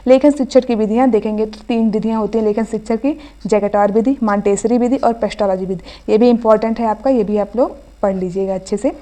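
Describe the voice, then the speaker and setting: A woman's voice: a little high, fast talker, hardly any pauses, warm tone. A woman teaching an online exam revision class, reading out each question and then giving the answer. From India.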